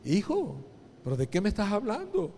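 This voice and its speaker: A man voicing God as a gentle, patient father in a sermon story. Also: high voice, huge pitch swings, moderate pace, creaky, in a large hall, a little hiss or hum, pitched above the performer's own voice, full character voice.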